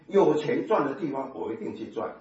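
A man giving a personal testimony sermon, telling his story in an animated way with sound effects. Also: mid-range voice, a little fast. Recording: echoey hall from far off, dull sound.

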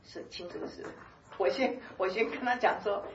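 A woman giving a conversational sermon-style Bible teaching, lively and chatty, laughing often and dotting her talk with soft filler particles. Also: medium pitch, moderate pace, roomy sound, recorded from a distance, lo-fi sound, slight background noise.

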